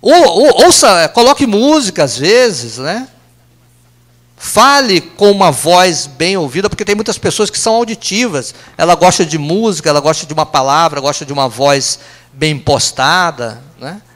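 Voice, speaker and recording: Speaking to a live audience in an office meeting room at a company lunch talk, this Brazilian man has a slightly high, somewhat bright voice with lively intonation and a Brazilian Portuguese accent. Conversational throughout, he uses many "né?" tag questions and quick aside jokes.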